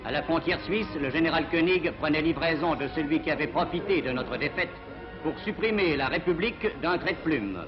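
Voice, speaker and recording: A man's fairly high voice narrates a 1940s cinema newsreel, solemn and declamatory. The old newsreel soundtrack sounds dull and lo-fi, with music running clearly underneath. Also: fairly quick.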